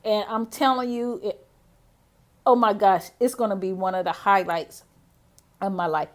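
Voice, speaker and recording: A woman telling a personal story to camera in an excited, gushing way, laughing often and exclaiming as she goes. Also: mid-range voice, moderate pace. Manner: gushing, breathless enthusiasm, laughs often, repeats "oh my gosh". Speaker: vlogger sharing a personal testimonial.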